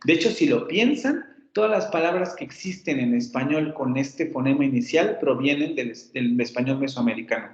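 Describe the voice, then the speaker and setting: A man's voice: mid-range voice, lively intonation, moderate pace, hardly any pauses, a little mellow. A male university teacher with a Mexican Spanish accent, explaining phonetics in a classroom lecture, repeating example words and correcting himself. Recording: roomy, dull lo-fi classroom recording.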